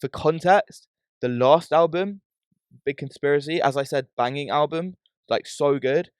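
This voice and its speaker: A man's voice: fairly high pitch, measured pace, smooth, no echo, clean studio sound. A British man hosting a podcast in casual, slangy chat, often tagging his points with "bro" or "yeah". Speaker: podcast host.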